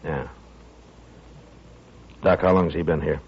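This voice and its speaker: An American actor playing a stern, dogged, terse town marshal in a 1950s radio western. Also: male voice, a bass voice, fairly even intonation, takes it slowly, slightly rough, exaggerated voice. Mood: probing. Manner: terse, probing, authoritative. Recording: muffled vintage 1950s radio recording.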